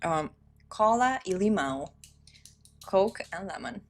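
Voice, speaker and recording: Female stream co-host, low-pitched, unhurried casual chatter. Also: lively intonation. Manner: slow, chatty, slangy. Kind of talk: casual live-stream chat.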